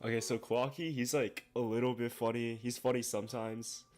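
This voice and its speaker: A man's voice: mid-range voice, little pitch movement, brisk, darkish tone. A young man giving casual online commentary in a slangy, incredulous way.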